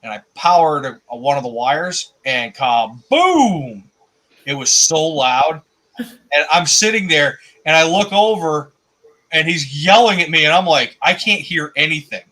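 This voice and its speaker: A man with a fairly high, bright voice hosts a casual talk. He tells stories with energy and laughs at his own mishaps. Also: normal speed, poor audio. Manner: animated storyteller, laughs at himself. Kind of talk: casual chat.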